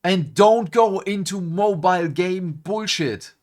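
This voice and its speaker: Man, gaming host, groggy morning voice, animated rant, emphatic swearing. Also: high voice, slow. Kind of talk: casual gaming commentary to camera.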